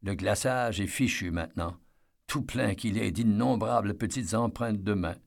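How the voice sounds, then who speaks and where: A man reads a novel aloud in scripted, measured narration. His voice sits low and carries a noticeable gravelly fry. He keeps an even storytelling pace. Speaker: audiobook narrator.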